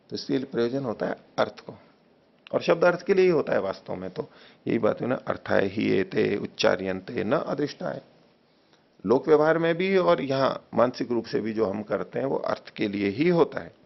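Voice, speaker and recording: A man's voice: medium pitch, creaky. A man teaching scripture in a spoken lecture, explaining step by step and pressing a student with pointed questions. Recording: dull lo-fi recording.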